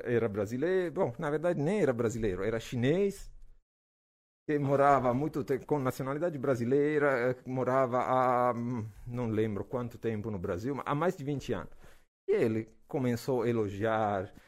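A man's voice: medium pitch, a little mellow. Italian-accented man, hesitant professor. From Naples, southern Italy. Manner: hesitant, many "ah" fillers, laughs easily. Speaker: physics professor, guest. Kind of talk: relaxed interview conversation.

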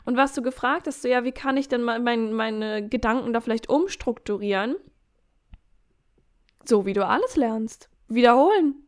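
A woman in a casual podcast chat, giving coaching advice in an animated way, acting out inner voices and adding jokey asides. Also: on the high side, normal speed. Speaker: podcast guest.

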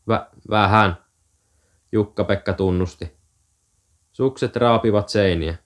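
Man, low-pitched voice, calm, measured, audiobook narration. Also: clean tone. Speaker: audiobook reader. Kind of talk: scripted narration.

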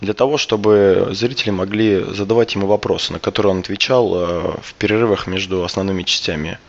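A man hosting a podcast in casual talk, his voice gravelly and hoarse from a cold, feeling for his words. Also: sits low, steady tone, fast talker. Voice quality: gravelly, hoarse voice with throat clearing. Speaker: podcast host. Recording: dull, lo-fi sound.

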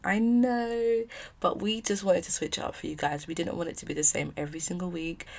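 A woman's voice: low-pitched, gravelly. A woman in her mid-twenties with a South East London accent, chatting casually and candidly as a solo podcast host recording at home. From south-east London, England.

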